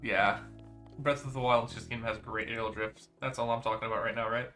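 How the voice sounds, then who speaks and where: Bright-voiced young man rambling on stream. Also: fairly low pitch, flat delivery, brisk, faint music behind. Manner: rambling, teasing, lots of fillers and restarts. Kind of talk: casual gaming stream chat.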